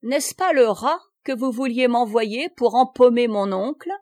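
A woman's voice: a little high, unhurried, a little mellow, dry recording, studio quality, close to an everyday voice. A woman voicing a brash, glib male army officer who has risen above his station.

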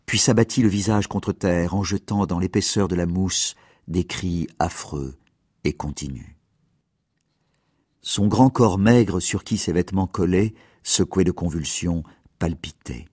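A man reading a story aloud in measured, expressive scripted narration. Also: low voice, breathy edge, no room sound, clean studio sound.

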